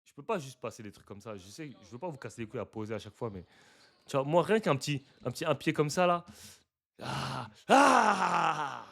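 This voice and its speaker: A young man giving casual live reaction commentary to basketball footage, slangy and chatty, breaking into loud excited exclamations. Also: medium pitch, fast talker, vocal fry.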